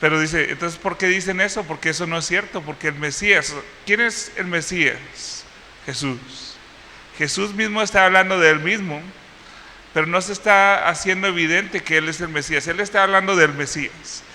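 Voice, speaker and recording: A man preaching as pastor, his voice very bright and a little high. He teaches a passage step by step, pausing on fillers and restarting phrases. His words trail off into a long hall reverb over a faint hiss. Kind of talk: sermon. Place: church hall.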